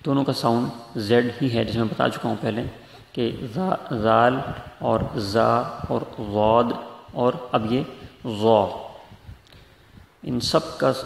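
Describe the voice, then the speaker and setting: A man gives a patient tajweed lesson, his voice gravelly with creaky edges. He explains each letter slowly and drags out sounds to demonstrate them. The recording rings with a long hall echo over a faint background hiss. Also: medium pitch, a little mellow. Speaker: Quran recitation teacher. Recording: echoey room with faint noise.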